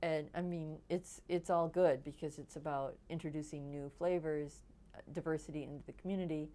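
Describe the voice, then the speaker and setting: A woman's voice: low voice, fairly even intonation, fairly quick, warm tone. A woman from Wisconsin who runs a nonprofit, explaining things steadily in a documentary interview. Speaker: nonprofit executive director.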